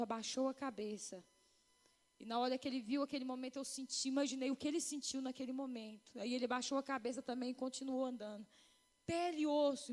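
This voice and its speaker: High-voiced woman giving church testimony. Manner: heartfelt, addresses the congregation as brothers. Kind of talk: emotional personal testimony. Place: church hall. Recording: long reverb of a church hall.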